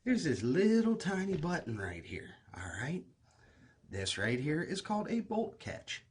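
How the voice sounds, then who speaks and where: A middle-aged man with a slow rustic drawl, giving blunt, sarcastic, sweary firearms commentary. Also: fairly high pitch, very animated, breathy edge. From West Virginia, United States. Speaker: reaction video host. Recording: loud noise with clicks.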